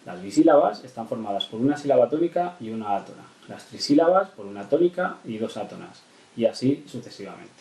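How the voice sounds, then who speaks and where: A man teaches a primary lesson, patient and repeating key rules. His voice is mellow and a little dark. He sounds set back from the mic in an echoey room. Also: mid-range voice, very animated, brisk, far from the mic. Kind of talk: explanatory lesson narration.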